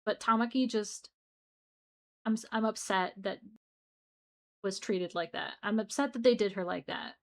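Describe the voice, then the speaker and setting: A young woman streams late at night in a loose, chatty way, looping back on herself and tossing remarks to her chat as she goes. Her pitch sits at an ordinary middle height for a woman. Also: moderate pace, long pauses. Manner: rambling and chatty, with frequent restarts and asides to chat. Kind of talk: casual livestream chat.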